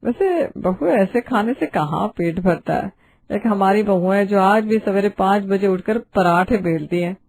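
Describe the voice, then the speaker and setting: A woman's voice: medium pitch, a little slow, a little mellow. A woman playing a nosy gossiping cartoon auntie. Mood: needling. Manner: sugary, teasing and prying.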